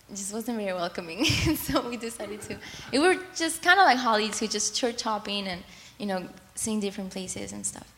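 A young woman from Colombia chatting onstage about her church, lively and often laughing. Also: medium pitch, a little hiss or hum. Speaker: church member guest. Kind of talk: onstage testimony. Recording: echoey hall.

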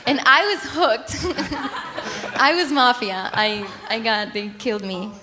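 A young woman from Colombia chatting onstage about her church, lively and often laughing. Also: fairly high pitch, takes it slowly, background noise. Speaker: church member guest. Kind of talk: onstage testimony. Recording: echoey hall.

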